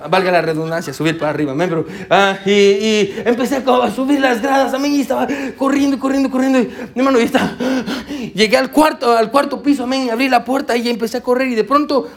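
High-voiced pastor man, animated storyteller. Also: quick pace. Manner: animated storytelling, frequent "amén" and "hermano", mixes in English words. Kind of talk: sermon with personal anecdote. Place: church.

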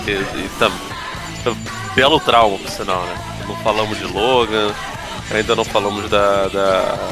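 A man with a carioca Rio accent chatting casually as a podcast guest, in a slangy, halting way with repeated words. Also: on the low side, steady tone. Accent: carioca (Rio de Janeiro) Brazilian Portuguese. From Rio de Janeiro, Brazil. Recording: music playing behind the voice. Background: background music.

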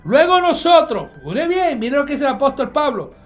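High-voiced man preaching emphatically. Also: very animated, moderate pace, soft background music. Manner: emphatic, asks and answers himself. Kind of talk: nightly online Bible teaching. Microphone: live stream with viewers connected.

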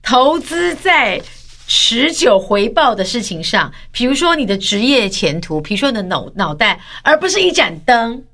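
A woman from Taiwan co-hosting a podcast, teasing her co-host and telling stories in an animated way. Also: fairly high pitch, normal speed. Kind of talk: casual chat.

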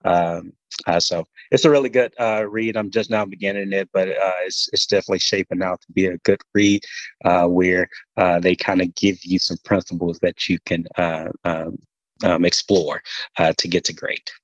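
A low-pitched man speaks with a Mississippi Southern drawl in a casual interview. He moves haltingly, often pausing and repeating words as he finds the thought. The recording is a little dull and roomy. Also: steady tone. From Mississippi, USA. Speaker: podcast guest, military senior leader.

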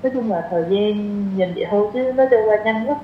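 Speaking quickly in a mid-range voice, this twentysomething woman has a southern Vietnamese accent and drops English slang into her informal chat. She's a guest on a podcast, and the casual interview sounds roomy and dull with a little background noise.

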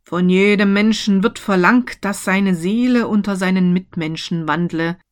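A woman voicing the mournful ghost of a dead businessman, speaking solemn, slow warnings. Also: mid-range voice, lightly acted.

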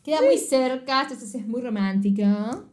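A young woman with a Rioplatense Spanish accent, chatting casually as a podcast co-host, animated and slangy, acting out quotes. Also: fairly high pitch, moderate pace. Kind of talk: casual chat recapping a drama series.

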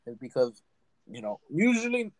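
A man's voice: medium pitch, sing-song, normal speed, darkish tone. A young man hosting a casual podcast, rambling and blunt, swearing freely. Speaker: podcast host.

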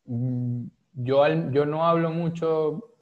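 A man's voice: a little high, narrow, tinny audio. A man from Venezuela with a Maracaibo accent, speaking as a guest in a casual chat and thinking aloud through frequent restarts. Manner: thoughtful, halting, many restarts and fillers. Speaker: podcast guest.

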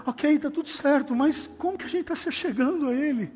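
A man preaching a sermon as pastor, passionate, moving from hushed talk to shouting. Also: extremely high pitch, a little fast. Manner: impassioned preaching, swinging from quiet to shouting. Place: large church hall. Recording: long hall reverb with faint music.

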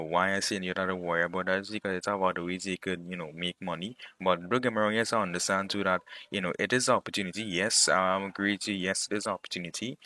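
A man with a low, bright, forceful voice talking straight to his viewers in a casual vlog. He rambles, packing his talk with fillers and slang as he goes. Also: no echo. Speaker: vlogger.

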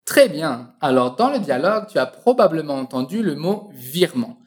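A woman teaches French, coaxing the listener to repeat each phrase after her. Her voice is low and her intonation swoops lively. She drills each phrase slowly and precisely. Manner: encouraging, slow and precise drilling.

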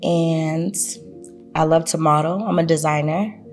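Faint music plays behind a deep, unhurried female voice with a strong Boston accent. The speaker, an actress, is a guest in a relaxed interview chat, lively, quick to laugh, and full of ums.

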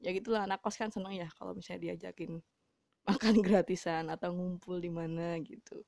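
A young woman from Java talks through a casual solo podcast episode in a blunt, chatty way, dropping fillers and laughing often. Her voice sits a little low, and the sound is dry and close to the mic. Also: steady tone, a little fast, vocal fry, warm tone, no echo. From Java, Indonesia. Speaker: podcast host.

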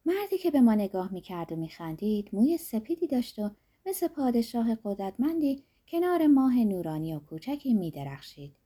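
A woman narrating a fairy tale in a soft, dreamy way, her sentences trailing off quietly. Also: a little high, sing-song, hardly any pauses, slightly rough. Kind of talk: storytelling narration.

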